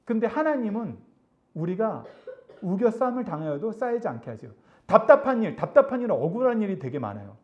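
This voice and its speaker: A middle-aged male youth pastor preaching to teenagers in a church service, animated and conversational, acting out voices of others. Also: a little fast, highs cut off. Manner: animated, acts out classmates' taunts, drops soft and low for God's comfort. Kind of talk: sermon to teenagers.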